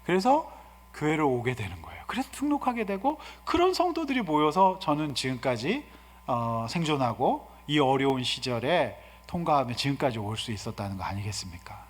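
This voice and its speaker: Lively fifties man preaching in a church hall. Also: medium pitch, normal speed. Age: 50s. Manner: lively preaching that swings from soft asides to loud exhortation. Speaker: guest pastor. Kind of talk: sermon. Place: church sanctuary.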